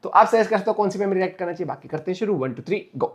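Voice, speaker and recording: A man's voice: high-pitched, lively intonation, racing, very noisy. A man from India hosting a reaction video, chatting casually with short asides between clips.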